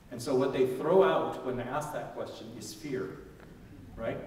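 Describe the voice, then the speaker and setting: A man speaking as a member of parliament at a public forum, in a measured, reasoned way with small restarts. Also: mid-range voice, darkish tone. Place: large church hall. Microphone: stand mic, filmed by a far camera. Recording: echoey hall, voice picked up from far off, faint noise.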